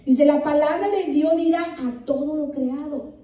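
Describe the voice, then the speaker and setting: A woman pastor delivers a sermon from some distance, her voice ringing in an echoey room. She sounds high and very mellow. She reads scripture aloud again and again and asks the listeners questions. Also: measured pace.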